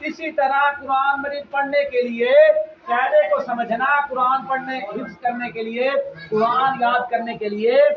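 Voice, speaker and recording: A man teaching children to read the Quran, drilling them with repeated questions and loud emphasis, with a Pakistani Urdu accent. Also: very high voice, level tone, a little slow, crowd noise. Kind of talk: classroom lesson to children. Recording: echoey, distant, muffled, noisy room.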